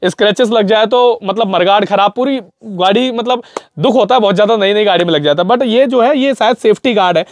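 A man's voice: high voice, brisk. A young man with a lapel mic, chattily touring an indoor parts shop and warehouse, repeating prices back and calling his viewers brother. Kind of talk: casual shop tour vlog.

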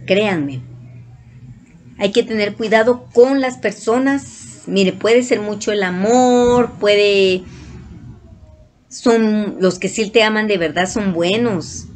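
A woman from Guatemala speaks straight to her viewers, recounting a personal story in an earnest, confiding way. She circles back and repeats phrases for emphasis and keeps calling on her audience to listen. Her voice sits at an ordinary middle pitch for a woman. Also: very slow, pauses often, a little mellow. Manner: earnest, repeats herself for emphasis, frequent "le dije" and "miren". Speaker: vlogger.

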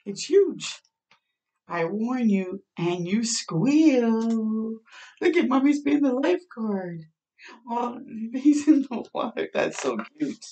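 Slow, sing-song, and mellow, a middle-aged woman with a fairly high voice reads a picture book aloud for children's storytime, drawing out words and adding asides with lots of expression. She's in a small home bathroom, and the microphone is a little distant.

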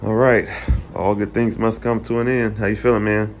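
A man in his thirties makes a casual travel vlog of a road trip, speaking into a phone camera held at arm's length in the car, at a hotel and outdoors. He is easygoing, chats to his son and repeats phrases, using a lowish voice with a flat delivery at a moderate pace. There is slight background noise.

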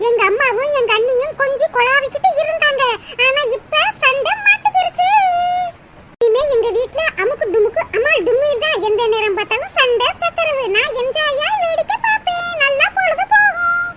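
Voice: extremely high pitch, moderate pace. An actor voicing a scheming young married woman who fakes pain and gloats, in a cartoon. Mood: gloating. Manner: whiny, mock crying, gloating. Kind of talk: cartoon voice acting. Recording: loud background noise.

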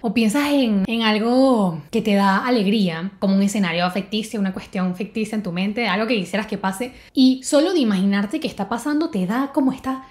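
A woman's voice: medium pitch, brisk, few pauses. A young woman giving a casual, confiding self-help talk to her viewers, acting out the voices in her head as she goes. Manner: warm, confiding, animated, acts out inner voices. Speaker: vlogger.

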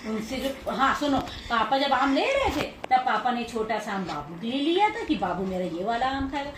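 A woman talking to her pet dogs in casual baby talk while she films, coaxing and scolding them gently and laughing often. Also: on the high side, sing-song, moderate pace, far from the mic. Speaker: pet owner vlogger. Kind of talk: casual vlog, talking to pets. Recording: echoey room, voice off-mic, faint noise.

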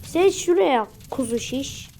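A woman giving casual, excitable commentary while playing a mobile game, repeating her cheers over and over. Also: high-pitched, slow, soft background music.

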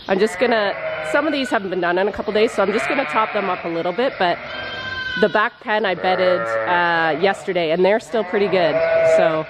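A woman's voice: medium pitch, fairly quick. A woman farmer in her forties vlogging casually to a handheld camera in a large sheep barn, chatty and tired, often restarting her sentences. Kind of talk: casual vlog talk to camera. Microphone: handheld camera at arm's length. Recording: noisy barn with sheep bleating. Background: bleating sheep and barn noise.

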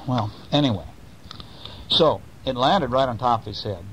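A middle-aged father playfully tells his children a bedtime story, improvising and checking in with them along the way. His husky voice is medium-pitched and fairly bright, at a normal speed. The homemade recording is rough, with faint noise.

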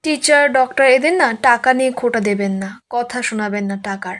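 A woman's voice: fairly high pitch, fairly even intonation, moderate pace, a bit bright, lightly acted. A woman quoting a bold female professor who scolds and defies a powerful man. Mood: defiant. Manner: scolding and defiant. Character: bold, sharp-tongued female college professor.

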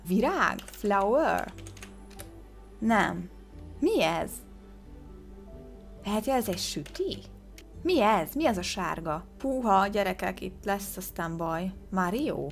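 A woman's voice: medium pitch, creaky, long pauses, soft background music. A woman hosting a game video, commenting casually, exclaiming and gasping as she guesses, and sounding out English words hesitantly. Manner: excitable, exclaims and gasps while guessing. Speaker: gaming video host.

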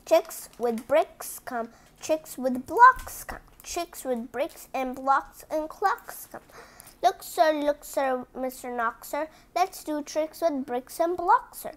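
A woman hosts a children's picture book read-aloud, reading deliberately word by word and chatting with her listeners. Her voice is high-pitched, animated and a bit bright.

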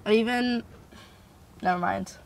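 A woman's voice: medium pitch, unhurried, creaky, slight background noise. A young woman acting as a heartbroken, pushy teenage girl in an amateur school drama. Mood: hurt. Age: teens. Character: heartbroken reckless teen girl, Chandler. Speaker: student.

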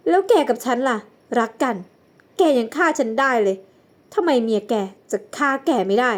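A woman's voice: on the high side, lively intonation, unhurried, pauses often. Woman voicing a taunting vengeful ghost girl. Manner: taunting, menacing. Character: vengeful mocking ghost of a dead young woman. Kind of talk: homemade life-sim drama voice acting.

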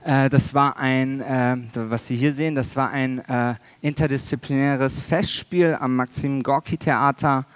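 Thirties man presenting his own work on stage, halting and dry-humored, dry close sound. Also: mid-range voice, steady tone, clean tone, dry recording. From Iran. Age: 30s. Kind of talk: conference presentation. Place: large dark auditorium stage. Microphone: headset mic.

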